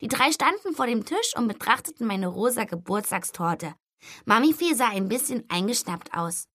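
A woman narrating a children's audiobook in a lively, expressive way. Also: a little high, moderate pace.

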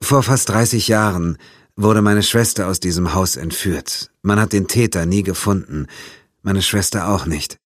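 A man's voice: deep voice, measured pace, no room sound, studio quality, pitched above the performer's own voice. A man voicing a composed female FBI agent who speaks in a level, matter-of-fact way, in an audiobook. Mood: calm. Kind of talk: audiobook character voice.

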